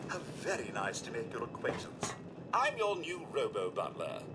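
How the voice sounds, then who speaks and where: Robot butler, formal, courteous, lively sing-song delivery, game audio over noise. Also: male voice, medium pitch, moderate pace. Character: polite male robot butler, eager to serve.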